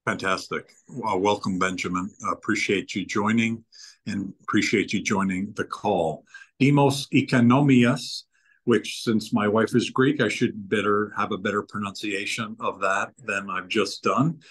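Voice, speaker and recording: A man hosting an online networking meeting, introducing members in a friendly, halting way over a video call. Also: on the low side, steady tone, fairly bright tone, slightly rough, poor audio.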